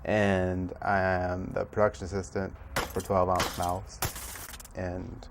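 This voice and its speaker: A man's voice: low-pitched, monotone, takes it slowly, gravelly, background noise. A man introducing himself casually in an interview as a production assistant.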